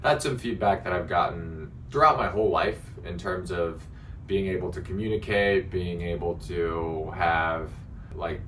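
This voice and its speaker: A man with a deep, resonant, articulate voice chatting casually to viewers in a reflective self-critique, halting as he thinks aloud. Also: a bit bright. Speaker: beginner stand-up comedian. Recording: distant mic, faint background noise.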